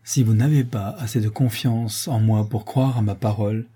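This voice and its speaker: A steadfast young bride-to-be from a storybook reading, gentle yet unbending in her vows, as a man reads her lines. The voice is mellow and a little husky, unhurried and solemn. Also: fairly low pitch, fairly even intonation. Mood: firm, solemn. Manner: soft yet resolute, solemn. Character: young woman, gentle but firm fiancée.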